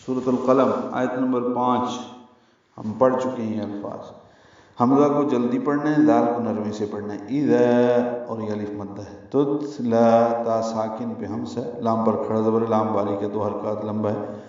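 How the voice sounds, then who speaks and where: A man's voice: fairly low pitch, flat delivery, darkish tone, heavy reverb, far from the mic, dull audio. A man teaching tajweed in a methodical lesson, explaining pronunciation rules letter by letter and chanting the verses between explanations. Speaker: Quran recitation teacher.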